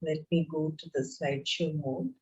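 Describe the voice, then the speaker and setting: A woman lecturer teaching an online class in a slow, deliberate, explanatory way. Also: sits low, steady tone, darkish tone. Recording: roomy, dull lo-fi screen-share recording.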